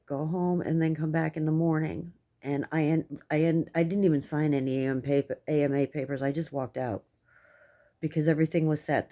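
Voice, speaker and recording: Low-voiced, toothless middle-aged American woman. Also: warm tone. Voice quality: toothless speech, no teeth in. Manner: rambling, candid, coarse-worded. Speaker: vlogger. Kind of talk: casual personal update to camera.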